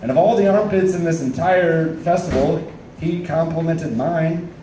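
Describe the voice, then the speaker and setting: Man in his twenties, stand-up comedy, casual and rambling, slightly high voice, noisy roomy recording. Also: moderate pace, warm tone, far from the mic. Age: 20s. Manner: casual, rambling with many fillers. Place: comedy club stage, audience laughing.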